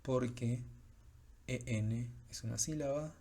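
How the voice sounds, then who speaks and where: A man's voice: medium pitch, takes it slowly, vocal fry, dark tone. A man teaching French pronunciation in a recorded lecture, explaining patiently with frequent fillers.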